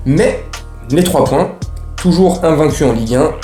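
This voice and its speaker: Warm and on the high side, this man's voice moves at a measured pace over faint music as he recaps a match for his football fan show. He chats to the camera in slangy, casual fashion, speaking directly to viewers in a roomy, echoey room.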